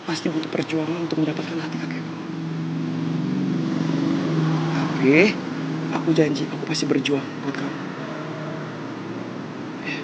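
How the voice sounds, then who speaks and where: Actor as a tender young boyfriend. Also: male voice, on the high side, little pitch movement, a little fast, long pauses, lo-fi sound, heavy background noise, natural voice. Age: young adult. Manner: tender, reassuring. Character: earnest young college boyfriend, sweet talker.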